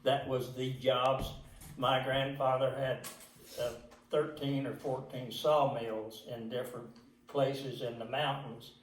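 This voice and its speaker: An older man from the mountains of southwest Virginia with an Appalachian accent, reminiscing casually in a halting, plain-spoken, folksy way as he is interviewed. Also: mid-range voice, little pitch movement, slight background noise. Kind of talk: casual oral history reminiscence. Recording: echoey room, distant microphone.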